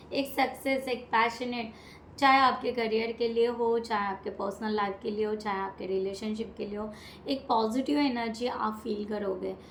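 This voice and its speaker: A woman's voice: fairly high pitch, vocal fry. A woman with an Indian accent giving a casual tarot reading, chatty and repetitive with many fillers. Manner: chatty, repetitive, lots of fillers and English words. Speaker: tarot reader. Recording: echoey room with faint noise.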